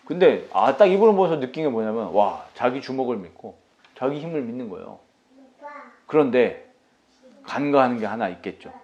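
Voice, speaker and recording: A male pastor preaching a sermon with a very lively, animated pitch, talking casually and throwing questions at his congregation. The recording sounds somewhat dull and lo-fi. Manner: conversational preaching with rhetorical questions and laughs.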